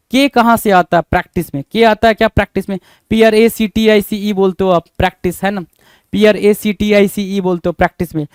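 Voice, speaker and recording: Male tutor, high and clear voice, dry close sound; spells out words slowly, keeps asking the class for the answer. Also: a little mellow, no room sound. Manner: spells words letter by letter, repeats questions to students. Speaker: teacher. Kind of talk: exam spelling lesson.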